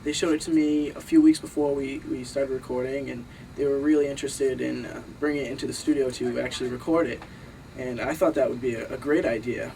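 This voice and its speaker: A nineteen-year-old from Massachusetts with a gravelly edge to his voice. He talks hesitantly, with a lot of filler, from well back from the mic. A faint air-conditioning hum sits under him. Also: mid-range voice, steady tone, a little fast, dark tone, far from the mic, poor audio. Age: young adult. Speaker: bass player and producer. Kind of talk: casual documentary interview.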